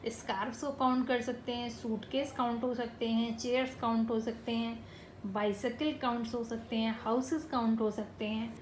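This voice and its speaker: A woman teaching a grammar lesson to children, explaining step by step and checking in with "right?" as she goes. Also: on the high side. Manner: explains step by step, mixing English terms into Hindi, with frequent "right?" checks. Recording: echoey room with faint ambient noise.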